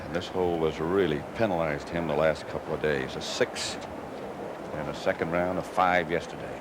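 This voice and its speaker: Deep male golf commentator, noisy outdoors. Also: steady tone, moderate pace. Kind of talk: measured golf tournament commentary. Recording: noisy outdoor 1980s broadcast.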